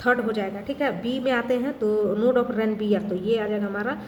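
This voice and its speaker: A woman's voice: mid-range voice, a little mellow, highs cut off, slight background noise. Woman teacher working through test answers. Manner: reads question statements out slowly, then answers briskly; mixes English terms into her talk. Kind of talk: casual explanatory teaching. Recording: echoey room with faint ambience.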